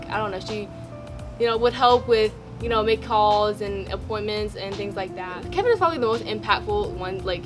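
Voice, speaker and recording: A fifteen-year-old girl from Thailand, speaking casually in an interview with many "like" and "um" fillers. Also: mid-range voice. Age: teens. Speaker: program participant.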